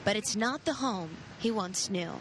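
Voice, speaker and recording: A woman's voice: medium pitch, animated, unhurried. A woman working as a TV news reporter, giving a field report outdoors. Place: outdoors in storm-damaged town. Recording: loud wind and engine noise, outdoors.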